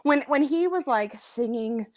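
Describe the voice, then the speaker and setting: A woman chatting casually with a friend, animated and laughing often, speaking in quick bursts. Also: sits high. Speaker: co-host of a chat video. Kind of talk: casual chat.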